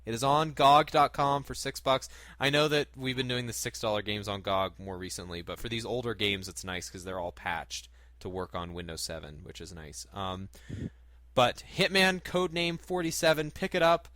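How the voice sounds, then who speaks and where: A man hosts a casual gaming podcast with a bright, forward voice at an ordinary male pitch. The sound is dry and close, with no room around it. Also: animated, normal speed, no echo. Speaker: podcast host.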